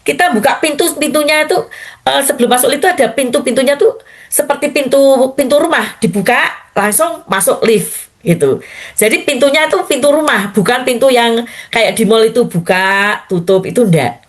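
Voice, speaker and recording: A woman's voice: sits high, moderate pace. An older woman pastor, telling a personal testimony in a morning prayer sermon and often addressing her listeners directly. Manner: storytelling, addressing listeners as Bapak Ibu.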